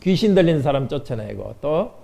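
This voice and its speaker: 아이들에게 묻고 답하는 남자 목사. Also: male voice, on the high side, very animated, moderate pace, vocal fry, mellow. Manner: asks children questions and answers them. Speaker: pastor. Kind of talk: children's sermon. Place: church sanctuary.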